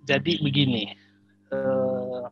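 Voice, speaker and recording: A church speaker answering questions in an animated, teasing way and joking often. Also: male voice, medium pitch, takes it slowly, dry recording, lo-fi sound, faint music behind. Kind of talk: joking discussion talk.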